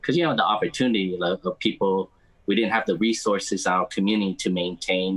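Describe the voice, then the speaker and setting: Male podcast guest, low voice, conversational, repeats himself while finding words. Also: fairly bright tone, husky, low-quality recording. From United States, Cambodian American community. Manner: halting, often repeats words as he goes. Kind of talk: casual interview chat, mixing Khmer and English.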